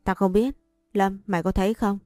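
A woman's voice: mid-range voice, fairly even intonation, normal speed, warm tone, no echo, studio quality, faint music behind, natural voice. A woman voicing a fierce, blunt teenage girl who scolds harshly, in a storybook reading. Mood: scolding.

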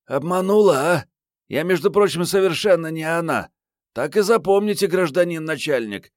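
A man's voice: on the high side, expressive, moderate pace, no room sound, clean studio sound, voice pushed up, natural voice. A male audiobook reader voicing a bold, teasing young woman fighter. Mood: brash teasing.

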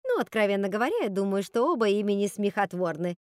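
A woman's voice: mid-range voice, big pitch swings, fast talker, dry recording, clean studio sound, natural voice. A woman voicing a scheming, cruel witch sister who snaps and gloats. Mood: snappish. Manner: snappish, cold, gloating.

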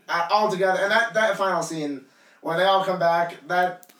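Young male co-host, high pitch, filler-heavy rambling, distant echoey mic. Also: steady tone, moderate pace, a bit bright. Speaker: podcast co-host. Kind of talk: casual podcast chat.

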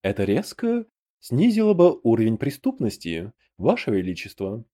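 A male narrator voicing a cold, arrogant high elf knight who speaks in a cool, polite, menacing manner in an audiobook. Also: huge pitch swings, moderate pace, mellow. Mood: coldly polite.

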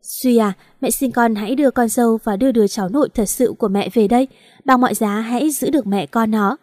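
A woman's voice: on the high side, fast talker, a little mellow, no room sound, clean studio sound, lightly acted. A woman voicing a domineering older mother, now imploring and full of regret.

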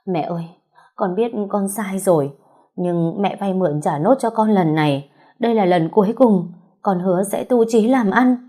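A desperate, begging mother, as a woman narrator acts her out, her voice pushed high and tearful. The tone stays husky and mellow underneath. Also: normal speed, close to an everyday voice. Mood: tearful pleading. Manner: pleading, tearful, high-pitched. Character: desperate middle-aged mother, gambler, begging and sobbing. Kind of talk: audiobook storytelling.

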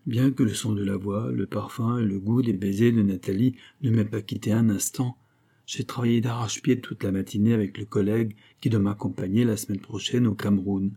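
Man, audiobook narrator, first-person novel, measured, mellow, husky. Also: on the low side, steady tone.

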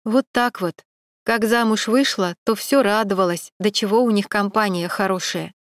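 A woman's voice: mid-range voice, normal speed, no room sound, lightly acted. A woman reading the part of a divorced woman who frankly and ruefully confides a husband's betrayal, in a dry close recording. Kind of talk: audiobook dialogue.

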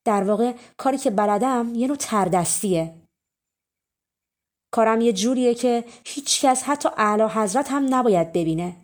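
A woman's voice: a little high, lively intonation, close to an everyday voice. A woman voicing a humble, pleading young thief.

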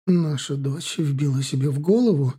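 A man's voice: a little high, moderate pace, dark tone, husky. A man voicing a distraught, weepy middle-aged mother who pleads in a plaintive voice. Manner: plaintive, sobbing.

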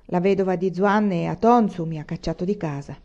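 A woman reading the lines of a weary, guarded peasant mother in a storybook, her manner plain and low-key, on a dull lo-fi recording. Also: normal speed, dark tone, close to an everyday voice. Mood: curt.

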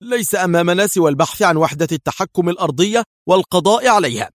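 A man's voice: sits high, lively intonation, racing, no room sound, studio quality, pitched above the performer's own voice. A man voicing a bitter, tense male intelligence director in an audiobook. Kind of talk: audiobook character voice.

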